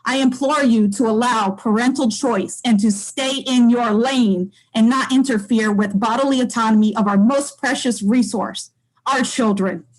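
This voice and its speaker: A woman's voice: a little high, normal speed, poor audio. A woman giving a public comment at a forum, insistent and accusatory, pressing rhetorical questions.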